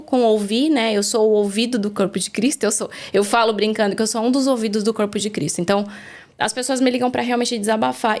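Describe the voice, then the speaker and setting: Recorded in a studio, this faith interview features a guest from Brazil, a woman of medium pitch who shares her personal story in a sincere, thoughtful manner.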